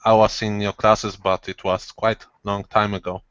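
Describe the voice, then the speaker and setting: A man from Poland, a native Polish speaker, quietly introducing himself in an online class. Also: on the low side, little pitch movement, normal speed, smooth, dry recording. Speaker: student. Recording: dry dull call audio.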